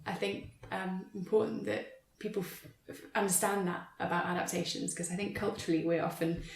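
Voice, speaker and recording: A woman with a voice on the low side talks a little fast with fairly even intonation. Taking part in a theatre panel, she thinks aloud tentatively and hedges her remarks. The unscripted discussion has a roomy, echoey sound.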